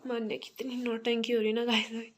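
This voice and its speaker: A woman's voice: fairly high pitch, completely flat delivery, normal speed. A young woman and mother chatting casually to her viewers, giving a running commentary on her household chores. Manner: addresses viewers as guys. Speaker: home vlogger and mother. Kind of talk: casual vlog chat.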